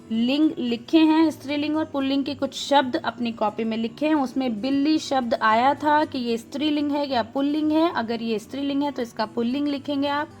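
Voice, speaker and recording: A woman teacher explaining a grammar exercise to young pupils step by step, asking questions and answering them herself. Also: high voice. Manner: patient, explains step by step and repeats key words. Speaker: school teacher.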